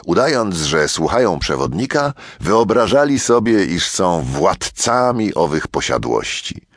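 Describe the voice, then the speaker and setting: A man's voice: low-pitched, big pitch swings, measured pace, no echo, studio quality. A man narrating a children's audiobook as a storyteller who talks straight to his young listeners.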